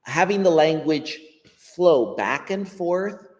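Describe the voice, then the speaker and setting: Heard through long, hall-like reverb, this man speaks slowly in a slightly high, somewhat mellow voice with lively intonation. He's an American guest teacher with a Western accent, explaining ideas off the cuff on a video call, thoughtful and prone to repeating words as he thinks.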